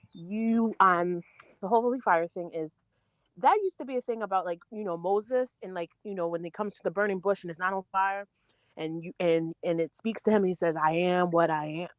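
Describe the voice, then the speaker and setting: A woman's voice: on the low side, no echo. Rambling woman caller on a dull line. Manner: rambling, filler-heavy, blunt. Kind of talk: call-in opinion. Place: at work. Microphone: phone. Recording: dull dry phone audio.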